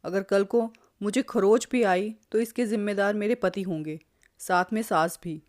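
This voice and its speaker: Woman voicing a scolding older mother-in-law, protective and sharp-tongued, mid-pitched storybook voice. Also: fairly even intonation, moderate pace, natural voice. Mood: sly. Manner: scolding, lecturing.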